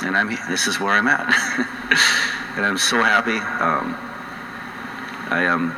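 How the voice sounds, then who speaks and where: North Dakota priest in an echoing church. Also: male voice, fairly low pitch, noisy background. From North Dakota, United States. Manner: conversational, halting, with frequent pauses. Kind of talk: homily to a congregation. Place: large church indoors. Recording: echoey church with long reverb.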